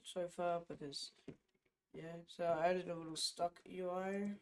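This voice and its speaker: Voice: mid-range voice, little pitch movement, unhurried, a little hiss or hum. A young game developer giving casual, rambling commentary while showing his game, often correcting himself. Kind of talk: casual screen-capture commentary.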